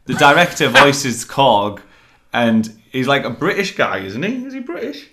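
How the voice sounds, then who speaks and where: A man's voice: medium pitch, big pitch swings, a little slow, sharp tone. A man hosting a casual film review chat, rambling and hesitant with lots of fillers. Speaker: film reviewer, podcast host.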